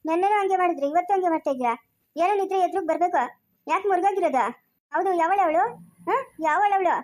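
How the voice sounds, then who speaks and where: A woman's voice: extremely high pitch, fast talker, a little mellow. A woman playing a stern older mother-in-law in a homemade comedy skit, scolding with repeated questions.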